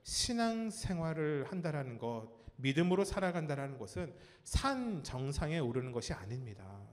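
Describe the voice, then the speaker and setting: A man preaching a sermon as pastor, telling a story with lively acted-out cries and asking his congregation questions. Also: on the high side, moderate pace, big-room sound. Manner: animated storytelling, acts out cries and quotes. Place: church sanctuary.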